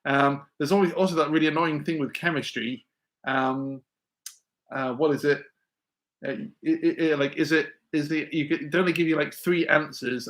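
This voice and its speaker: A man's voice: medium pitch, fairly bright tone. Male teacher hosting a casual live Q&A; rambling, stop-start delivery. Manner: rambling, stammering restarts, reads chat aloud.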